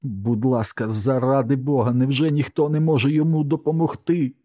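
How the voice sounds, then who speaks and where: A man voicing a distraught, crying young woman who cries out in high, pleading calls for help in an audiobook reading. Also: steady tone, normal speed, dark tone, close to an everyday voice. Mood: desperate pleading.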